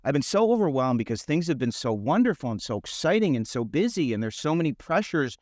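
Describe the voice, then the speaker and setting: A middle-aged man hosts a podcast and tells a long personal story, jumping ahead and circling back as he goes. His voice sits at an ordinary middle pitch. It is recorded close and dry, with no room sound. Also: quick pace, no echo. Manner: rambling, animated storytelling with restarts. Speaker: podcast host. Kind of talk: casual conversation.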